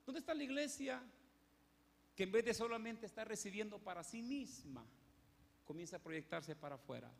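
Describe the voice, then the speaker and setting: A man's voice: high voice, lively intonation, normal speed, gravelly. A man preaching a sermon in a church, telling a story with emphasis and acting out its characters. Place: church hall. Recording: echoey church hall.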